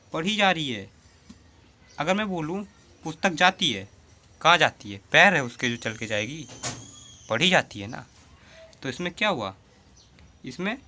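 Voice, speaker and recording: Lively, bright-voiced male Hindi teacher. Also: a little high. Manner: repeats examples and asks rhetorical questions; addresses the viewer as 'bhai'. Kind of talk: Hindi grammar lesson for students.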